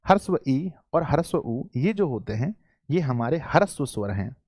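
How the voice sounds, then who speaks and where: A male Hindi grammar teacher with a Bihari accent, giving a live online class. He keeps asking his students questions, repeats key points, and often clears his throat. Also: medium pitch, sing-song, moderate pace, a little mellow, dry recording, studio quality.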